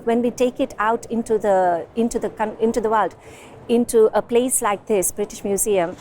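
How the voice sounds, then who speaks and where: A woman from a dance group giving an enthusiastic, halting interview at an event. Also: on the high side, darkish tone, slight background noise.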